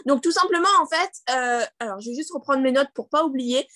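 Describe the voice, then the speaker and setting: A woman's voice: sits high, fairly quick, fairly bright tone, no echo. A woman leading a screen-share tutorial on a video call, chatty and full of fillers, checking in with her listeners often. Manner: chatty, many fillers and restarts, checks in with "d'accord?"; self-deprecating, laughs at her own English. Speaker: network marketing team leader.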